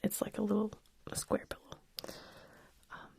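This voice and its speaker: Softly whispering woman, mellow ASMR host. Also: measured pace. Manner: soft unvoiced whisper, reading out chat questions and answering them; chatty with frequent fillers and restarts. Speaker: ASMR channel host answering live chat. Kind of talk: whispered ASMR live stream Q&A. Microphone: ASMR microphone with wind guards.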